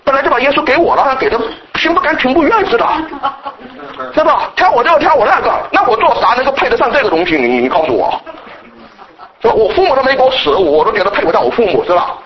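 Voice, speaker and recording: Lively high-voiced Chinese pastor. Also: male voice, quick pace, muffled recording. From mainland China. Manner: animated, mimics scolding elders. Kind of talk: sermon.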